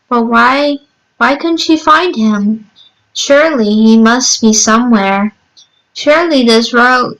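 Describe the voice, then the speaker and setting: A woman reads a scripted horror story aloud in a fairly high, clean voice. Her pace is very slow, and she halts now and then to repeat a word or correct a stumble. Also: fairly bright tone, low-quality recording. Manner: halting reading with repeated words and stumbles. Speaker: narrator reading a fan horror story.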